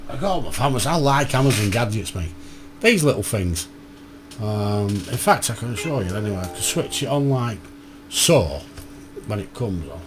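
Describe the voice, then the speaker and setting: A man's voice: mid-range voice, a little hiss or hum. A tired man, chatting casually and bluntly about his home radio shack, rambling with slang. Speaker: ham radio vlogger. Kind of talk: casual chat to camera.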